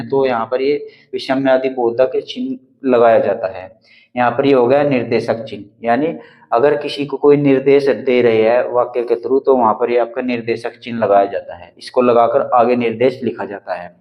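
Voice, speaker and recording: A man's voice: medium pitch, dull audio. A man teaching an exam-prep grammar lesson and explaining step by step while pointing at written notes.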